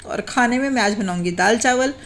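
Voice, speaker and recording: A woman chatting to her viewers in a casual home vlog while cooking in her kitchen. She rambles, repeats filler phrases and clears her throat after a recent cough. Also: on the high side, fairly quick, slight background noise. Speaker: home vlogger and mother.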